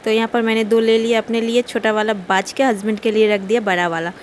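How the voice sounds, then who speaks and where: Young woman, casual home vlog, fairly high voice, faint room hum. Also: little pitch movement, fast talker. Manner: chatty, laughs while telling. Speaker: vlogger. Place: home kitchen.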